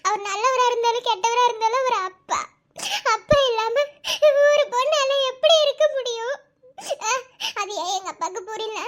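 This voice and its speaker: A woman's voice: very high-pitched, normal speed, long pauses, a bit bright. A woman voicing a tearful young woman in a cartoon, who talks in a self-pitying way. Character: tearful young woman longing for her father.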